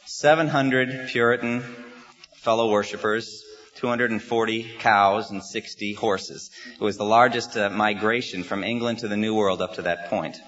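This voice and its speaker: A pastor from the United States preaching a sermon in a church sanctuary, speaking at a pulpit microphone in an earnest, measured way with frequent "uh" pauses. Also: male voice, fairly low pitch, fairly even intonation, fairly bright tone. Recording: slightly muffled sermon recording.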